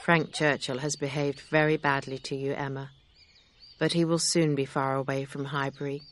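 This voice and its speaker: A woman reading aloud, voicing a kind, sincere gentleman in a low, measured tone. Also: flat delivery, slight background noise.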